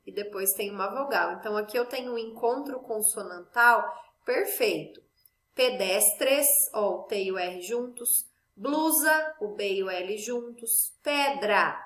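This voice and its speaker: A woman teacher giving a patient school lesson to children, explaining slowly and checking they follow. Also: fairly high pitch, fairly bright tone, reverberant.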